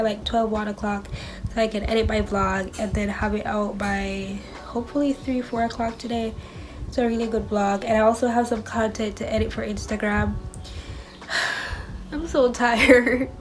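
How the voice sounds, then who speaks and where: A woman's voice: a little high, darkish tone, poor audio. A young woman talking casually as a vlogger, her nose stuffed up, chatty and candid about being stressed. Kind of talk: casual vlog chat.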